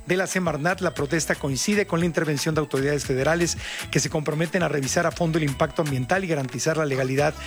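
A man's voice: a little high, quick pace, soft background music. A man from Tijuana with a Mexican Spanish accent, hosting a chatty radio news show. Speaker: radio host.

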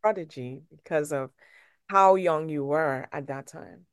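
A woman's voice: low-pitched, measured pace, dry recording, studio quality. A woman from Trinidad hosting an interview show, asking questions in a chatty, friendly way. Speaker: show host.

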